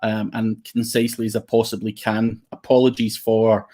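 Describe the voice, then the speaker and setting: A man's voice: lowish voice, little pitch movement, moderate pace, mellow. Man with a broad Scottish accent. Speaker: guest speaker, SEO consultant and trainer. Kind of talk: informal webinar presentation.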